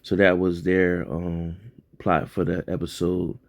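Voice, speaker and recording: Low-voiced man rambling through a recap. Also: monotone, unhurried, dry recording. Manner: loose and rambling, heavy on fillers and self-corrections. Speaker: TV episode recapper. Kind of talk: casual spoken recap.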